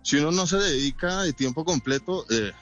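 A man's voice: on the high side, expressive, fairly bright tone, muffled recording, faint music behind. A man from Colombia with a Colombian Spanish accent, a comedian guest chatting casually and cracking jokes. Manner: joking, laughs often, quick punchlines. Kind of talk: casual interview chat with jokes.

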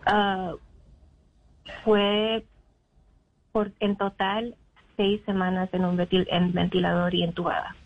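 A woman's voice: mid-range voice, monotone. Woman talking over a phone line. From Mexico. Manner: halting, with many fillers and English words mixed in. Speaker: interview guest. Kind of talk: personal account in an interview.

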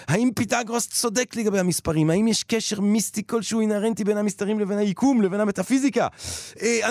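A man hosting a comic late-night style show, theatrical and excitable, often stammering and restarting. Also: high-pitched, no echo. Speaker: podcast host.

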